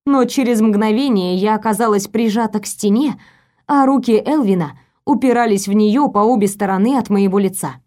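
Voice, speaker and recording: A woman narrating a first-person audiobook with lively storytelling, voicing the heroine herself. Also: mid-range voice, normal speed.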